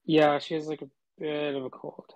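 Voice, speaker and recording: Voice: medium pitch, level tone, moderate pace, a little mellow, no room sound. A caller talking through a voice changer that disguises the voice, chatting casually on a call and rambling with lots of fillers. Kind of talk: casual phone chat.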